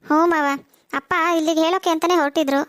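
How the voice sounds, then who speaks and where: A woman's voice: high voice, steady tone, fast talker, a bit bright, no echo, clean studio sound. A woman voicing a polite, shy young woman visiting her relatives in a cartoon. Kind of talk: cartoon voice acting.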